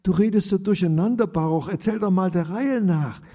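A man's voice: high-pitched, fairly quick, dark tone, pitched above the performer's own voice. A man voicing a curious young shepherd girl who questions and doubts. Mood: impatient. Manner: questioning, skeptical. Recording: long reverb.

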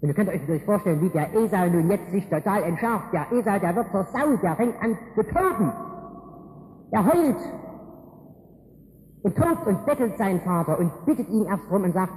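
A man with a high voice delivers a sermon in a lively, colloquial storytelling style, throwing in humorous slangy asides. His voice rings out in a large room with a long reverb. A faint ambient noise sits underneath. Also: moderate pace. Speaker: preacher.

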